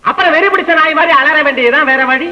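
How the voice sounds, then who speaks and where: An actor playing a lazy, cheeky grown son who bickers and jokes, in old film comedy acting. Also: male voice, very high voice, very fast, a little hiss or hum. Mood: bantering. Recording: dull lo-fi old film soundtrack.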